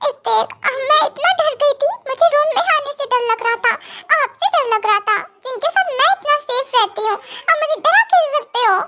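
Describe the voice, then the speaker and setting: A woman's voice: very high-pitched, sing-song, normal speed, very noisy. A woman voicing a clingy, tearful young wife who pouts and speaks of herself in the third person, in a fan audio drama.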